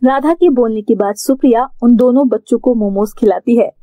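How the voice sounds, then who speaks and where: A woman telling a cartoon story in an even, scripted storybook narration. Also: fairly high pitch, a little fast, no room sound. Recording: dry, phone-like narrow sound.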